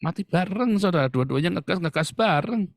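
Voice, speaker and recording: A man's voice: high voice, lively intonation, brisk, gravelly, dry recording, studio quality. A middle-aged man preaching a sermon to his congregation, acting out playful mock quotes as he goes. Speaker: pastor.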